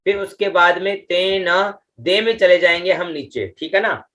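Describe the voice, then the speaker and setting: A middle-aged man teaching Vedic chanting, drawing out each syllable and patiently repeating checks to his class. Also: pushed and bright. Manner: slow, drawn-out chanting of mantra syllables with pitch-accent explanations; patient, repeats "ठीक है" and "है ना" often. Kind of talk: online class lesson.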